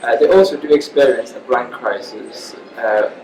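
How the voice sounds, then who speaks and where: A man from Norway presents part of a team case with plain, measured delivery. He is heard from a distance in an echoey room. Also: medium pitch, creaky, noisy background. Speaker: student presenter.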